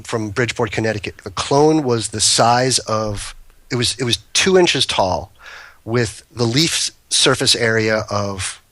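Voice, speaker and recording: A man who breeds cannabis appears as a guest on a talk show, telling long, rambling anecdotes in a casual storytelling chat and often breaking off mid-sentence. His voice is mid-range and fairly bright, with no echo.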